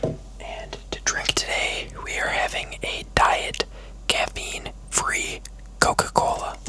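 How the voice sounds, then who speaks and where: A food vlogger speaking in an unhurried, casual, chatty whisper close to the microphone for an ASMR mukbang video. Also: poor audio.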